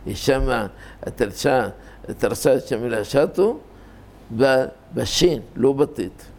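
Older male religious teacher, gravelly voice, informal and deliberate, often repeats himself and self-corrects. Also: mid-range voice, animated, a little mellow. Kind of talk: informal scholarly talk on scripture reading.

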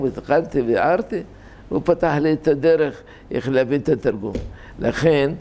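Gravelly older man teaching scripture grammar. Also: medium pitch, a little mellow. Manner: deliberate, repeats and corrects himself while explaining. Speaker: religious teacher. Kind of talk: informal scholarly talk on scripture reading.

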